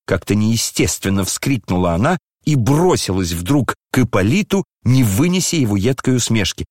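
A man narrates a classic novel in measured storytelling. His voice is mid-pitched. The recording is dry and close. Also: big pitch swings, darkish tone, dry recording. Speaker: audiobook reader. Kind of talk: scripted literary narration.

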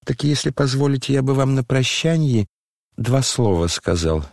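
A man doing a hoarse dying young man. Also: mid-range voice, moderate pace, no echo, studio quality, voice pushed up. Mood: quiet, weary. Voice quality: hoarse, near whisper. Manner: quiet, calm, tired. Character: dying young man, frail, quietly ironic.

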